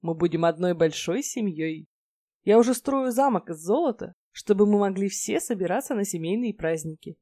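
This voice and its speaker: A woman's voice: mid-range voice, expressive, moderate pace, no echo, close to an everyday voice. A woman voicing a smug, playful male god who purrs and coos his lines. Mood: cooing. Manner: soft, cooing, teasing. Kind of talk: audiobook character voice.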